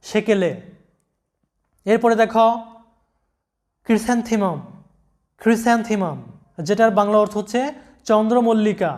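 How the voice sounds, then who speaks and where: A man giving a slow, deliberate vocabulary lesson, spelling out letters and repeating each word. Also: high-pitched. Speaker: English pronunciation teacher.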